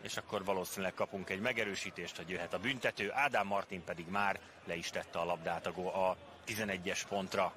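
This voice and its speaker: A man's voice: sits low, fairly even intonation. A man giving live football commentary as the match unfolds. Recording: loud stadium noise behind voice.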